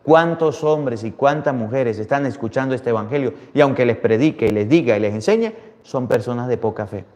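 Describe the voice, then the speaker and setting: A man preaching a sermon as a priest, emphatic and swinging between loud and hushed delivery. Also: medium pitch, a little fast, big-room sound. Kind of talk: sermon with readers' greetings.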